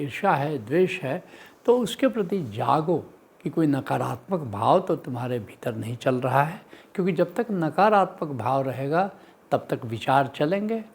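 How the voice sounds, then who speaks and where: A man giving a spiritual discourse as a teacher, listing points in a teaching cadence and chanting the sayings of saints in a slow sing-song. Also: medium pitch, a little mellow, husky. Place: live teaching session.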